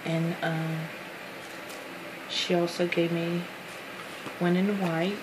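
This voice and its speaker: A woman's voice: fairly low pitch, flat delivery, takes it slowly, noisy background. A woman chatting casually to her viewers while unboxing a handmade craft box, gushing over each detail, apologizing often and calling everyone "guys.". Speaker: craft vlogger.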